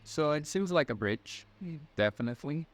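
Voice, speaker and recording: With a fairly high pitch and an animated delivery at normal speed, a young Ecuadorian man in his twenties answers an interviewer's questions conversationally. His Latin American Spanish accent comes through, and he's friendly yet hesitant, leaning on fillers and frequent restarts.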